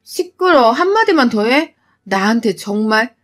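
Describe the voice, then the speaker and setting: A woman voicing a harsh, bossy middle-aged mother-in-law who scolds and insults in a shrill, loud voice. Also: lively intonation, moderate pace. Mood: threatening.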